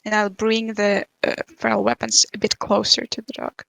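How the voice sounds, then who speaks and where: A woman playing in a tabletop role-playing game, speaking in a hesitant, halting way. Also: mid-range voice, completely flat delivery, vocal fry, a bit bright, dry recording, rough recording. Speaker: player.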